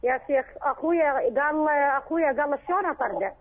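Fast-talking woman on a phone line. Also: high-pitched. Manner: earnest, pleading, addresses the sheikh often. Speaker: caller. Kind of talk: call-in question to a religious scholar.

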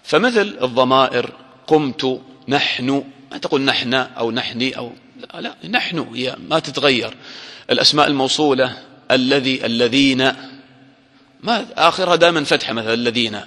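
A man teaching a grammar lesson to a class, quizzing listeners with short questions and drawing out example words slowly. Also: medium pitch, pushed and bright. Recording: long hall reverb.

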